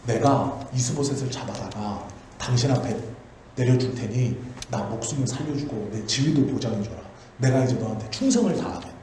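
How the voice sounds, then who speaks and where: A man's voice: medium pitch, lively intonation, a little fast, dark tone, very echoey, a little hiss or hum, lightly acted, rough recording. A man voicing a defiant old general. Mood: bargaining. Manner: angry rhetorical challenges.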